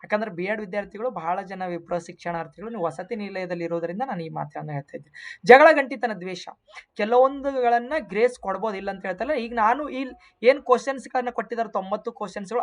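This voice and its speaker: A woman's voice: fairly high pitch, a bit bright. A woman with a North Karnataka Kannada accent, an exam coaching teacher going over test answers, emphatic, repeating key points and mixing in English terms.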